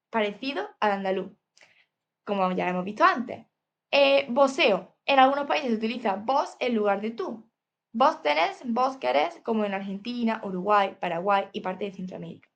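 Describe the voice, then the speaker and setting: A woman's voice: on the high side, fairly bright tone. A woman with a Spain Spanish accent gives a lecture from slides, reading steadily and adding "eh" and "¿vale?" asides. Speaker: teacher presenting a topic.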